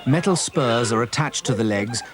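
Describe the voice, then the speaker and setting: A man reading scripted nature documentary narration in a measured, serious way, in short deliberate phrases. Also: medium pitch, expressive. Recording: voice-over with loud animal and outdoor noise.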